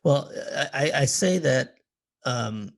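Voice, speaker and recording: A man in his forties, a podcast guest and author, talking in casual conversation in a halting way, often repeating words as he searches for them. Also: medium pitch, lively intonation, gravelly. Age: 40s.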